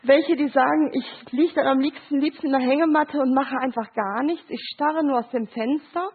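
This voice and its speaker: Over thin, phone-like audio, a grief counselor in middle age presents a talk with picture cards. Her voice is high-pitched and moves at a normal speed, and she keeps asking "Ja?" while offering brief examples and quoted voices.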